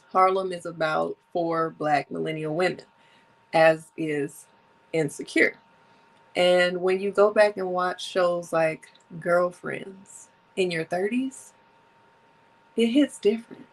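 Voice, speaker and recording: This chatty podcast host, a woman in her 30s, talks on her own in an animated, casual way, laughing a lot and sipping drinks between remarks. Her voice is lowish and slow, and the audio is poor.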